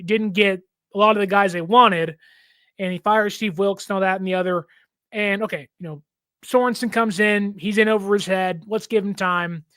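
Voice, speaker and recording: A man's voice: high voice, a bit bright, no echo, clean studio sound. A young man hosting a sports podcast in casual chat, talking loosely with lots of fillers and laughs. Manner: chatty, laughing, filler-heavy. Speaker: podcast host.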